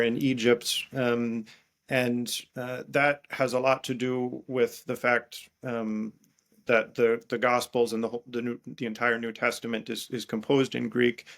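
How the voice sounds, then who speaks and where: A man with a middling pitch, a gravelly fry underneath, and a slightly bright tone speaks as a guest biblical scholar and priest being interviewed. A native English speaker, he halts and thinks aloud, feeling his way through explanations and repeating words as he rephrases.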